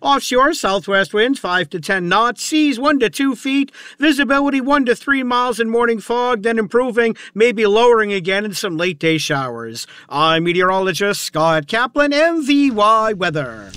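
Bright, high-voiced radio weatherman. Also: animated, dry recording, studio quality. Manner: crisp, brisk scripted delivery. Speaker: meteorologist.

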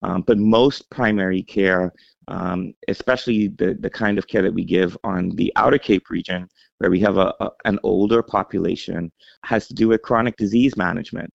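Bahamian-raised man, very low and gravelly voice, measured interview guest; dull lo-fi recording. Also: fairly even intonation, dry recording. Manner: measured, explanatory with frequent fillers. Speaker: healthcare executive guest. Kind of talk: interview answers.

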